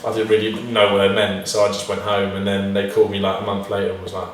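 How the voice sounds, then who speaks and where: A man's voice: fairly low pitch, monotone, fast. A man who plays football, answering casually in a hesitant, understated, self-deprecating way. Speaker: football player. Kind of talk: casual interview chat. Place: reverberant indoor room. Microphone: distant from the speakers. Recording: very echoey room, distant mic, faint noise.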